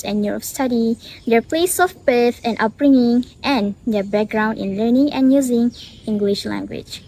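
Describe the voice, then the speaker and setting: A young woman student narrating the method and results of a class study in a steady, report-like manner. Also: on the high side. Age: young adult. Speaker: student presenter. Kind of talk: scripted educational narration.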